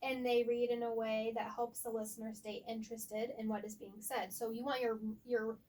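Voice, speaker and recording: A woman tutoring a student one-on-one in reading, asking patient guiding questions and explaining slowly, sometimes softly. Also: fairly high pitch, flat delivery. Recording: voice picked up from a distance.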